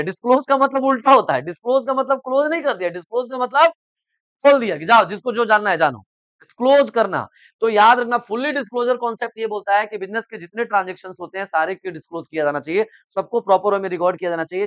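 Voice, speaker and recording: A middle-aged male teacher lectures in a coaching classroom with a high voice, talking very fast. He explains in simple terms with everyday examples and keeps prodding students to answer whether they follow. The sound is dry and close. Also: fairly bright tone, dry recording. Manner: repeatedly asks "samajh mein aa raha hai?" and prods students to answer.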